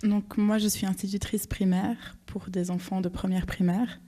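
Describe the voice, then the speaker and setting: Even, warm-toned young woman teacher. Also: medium pitch, normal speed. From Brussels. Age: young adult. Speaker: primary school teacher. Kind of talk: radio panel discussion.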